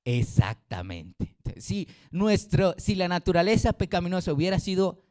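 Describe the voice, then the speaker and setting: A middle-aged male pastor preaching a sermon, quizzing his congregation and swinging between loud emphatic rises and quiet low drops. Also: sing-song, normal speed.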